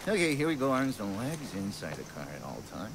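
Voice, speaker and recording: A man's voice: lowish voice, wildly swooping pitch, normal speed, noisy background. An actor with an American accent playing a sadistic, chatty video game madman, glib, drawling and mock-friendly. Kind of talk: video game character acting.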